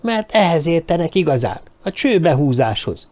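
A man voicing a small, sullen dwarf who hisses his words slowly. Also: fairly high pitch, big pitch swings, darkish tone. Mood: sullen, bitter. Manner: hissing, drawn-out.

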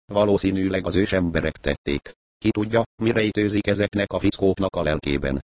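Guy reading a cocky cynical adventurer in an audiobook, low voice, dry sound, brushing everything off. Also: darkish tone, no echo, close to an everyday voice. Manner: dismissive, sarcastic. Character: brash cynical male adventurer, shrugging off blame.

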